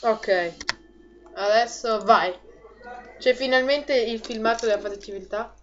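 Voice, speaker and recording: Excitable woman commenting on gameplay. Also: on the high side, a little slow, background noise. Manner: excitable, chatty, laughs often, addresses viewers. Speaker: gaming video host. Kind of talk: let's play commentary. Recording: lo-fi audio with game music behind. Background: game music.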